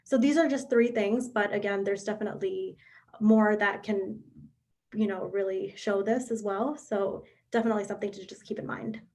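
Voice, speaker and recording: A woman presents mental health information in an earnest, measured way, leaning on "you know" and small restarts as she explains. Her pitch stays flat and even, with little rise or fall. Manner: earnest, repetitive, lots of "you know" fillers. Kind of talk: informational talk on a live video chat.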